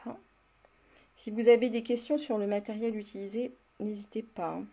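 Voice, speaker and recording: A woman's voice: medium pitch, fairly even intonation, moderate pace, warm tone. A woman leading a live card-making tutorial, chatting with viewers by name and laughing often as she works. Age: older. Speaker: crafting demonstrator.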